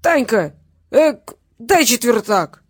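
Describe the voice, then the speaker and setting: Loud, slurring drunk father, middle-aged, dragging every word, as the reader puts him on; audiobook, dead-dry close read. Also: mid-range voice, very animated, slow pace, husky, no echo, voice pushed up, full character voice. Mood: drunken bellowing. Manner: shouting, slurred, drawn out. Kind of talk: audiobook character voice.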